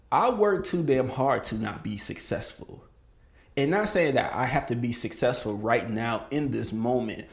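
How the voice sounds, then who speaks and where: A man's voice: medium pitch, vocal fry, echoey room. A man in his early thirties hosting a solo podcast, talking candidly and reflectively, with bursts of emphasis. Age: 30s. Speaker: podcast host. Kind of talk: casual solo podcast monologue.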